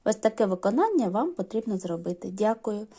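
A middle-aged woman teacher giving a patient, step-by-step remote lesson to young children, pausing often with small fillers. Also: mid-range voice, very animated, dark tone, breathy edge. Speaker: primary school teacher.

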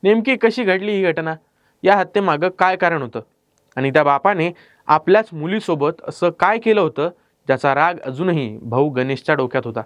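Male crime-news narrator, Marathi accent, dramatic delivery, raised pitch, smooth resonant voice, dry close mic. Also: moderate pace, no echo, muffled recording. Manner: dramatic storytelling delivery with rhetorical questions. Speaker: news presenter. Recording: clean dry studio voice-over.

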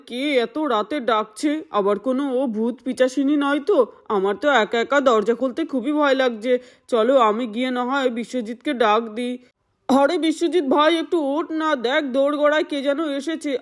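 A woman's voice: high-pitched, close to an everyday voice. A woman voicing a timid man who pleads with his brother to come see who is at the door, in a doll-play story. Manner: fearful, pleading.

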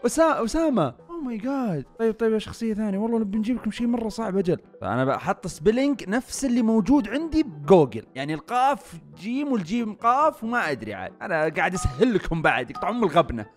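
A young man, streaming a drawing game and chatting excitedly with his viewers, with frequent laughter and shouting. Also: high voice, faint music behind. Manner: fast, excitable, bursts of loud laughter and shouting. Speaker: streamer and YouTuber. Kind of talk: excited live-stream gaming commentary.

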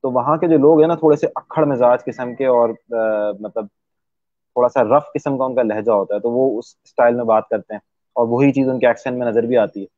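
A man from Pakistan, a guest in an interview, explaining things at length and pausing often on drawn-out fillers. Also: medium pitch, fairly even intonation, no echo. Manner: hesitant, many drawn-out fillers. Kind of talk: explanatory conversation. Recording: dry, tinny phone-like sound.

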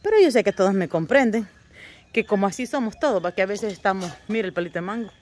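Speaking at a quick pace in a mid-range, slightly mellow voice, this older woman rambles homely chatter at her viewers from a rural yard and garden outdoors. She is a vlogger who uses affectionate pet names and gropes aloud for the right words, with slight background noise behind her.

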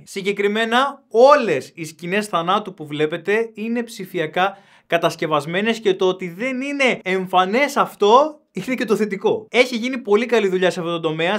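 A man giving sarcastic, animated running commentary while reviewing a horror film. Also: sits high. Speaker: movie reviewer. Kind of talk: casual comedic film commentary.

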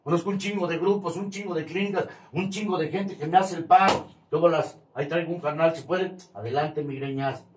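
A man with a Mexican Spanish accent speaks fairly high and berates his listeners in a crude, confrontational way from a support group podium. His voice sits at a distance from the mic in a roomy meeting hall that echoes. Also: fairly even intonation, fairly quick, slight background noise. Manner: crude, confrontational and heavily profane.

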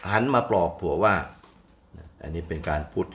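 An older male storyteller with a fairly low voice tells a folk fable. He talks in a homely, digressive way and keeps stopping to explain and comment. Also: normal speed, a bit bright. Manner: folksy and digressive, explaining as he goes. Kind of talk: folk tale narration with asides.

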